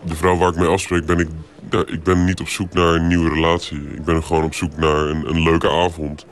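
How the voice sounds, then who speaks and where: A man in his twenties, an anonymous interviewee whose voice is distorted and pitched down very deep so he cannot be recognised, speaking hesitantly with many filler sounds. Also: level tone, fairly quick. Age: 20s.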